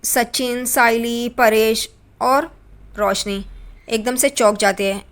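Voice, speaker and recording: Woman casually recapping a serial, fairly high voice. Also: steady tone, takes it slowly. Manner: retells scenes, voicing quoted lines with small pitch lifts. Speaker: narrator recapping a TV serial episode. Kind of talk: casual spoken recap narration.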